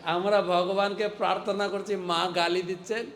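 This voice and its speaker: A monk delivering a storytelling sermon, animated and dramatic, acting out the voices in the story. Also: male voice, high voice, normal speed.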